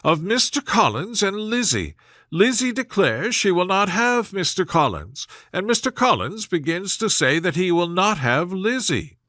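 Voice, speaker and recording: A fretful, excitable middle-aged mother from a classic storybook, acted out by a male narrator. The voice is raised high and swings about, bright and insistent as it pleads. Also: unhurried, dry recording, studio quality, exaggerated voice. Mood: agitated. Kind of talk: storybook character voice in classic novel reading.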